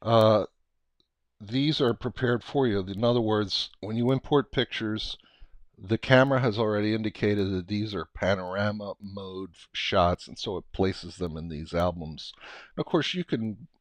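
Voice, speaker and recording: Low-voiced man narrating a screen recording. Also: dry recording. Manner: unhurried, halting, with frequent filler sounds and restarts. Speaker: tutorial presenter. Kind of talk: screen-recording voice-over walking through a phone app.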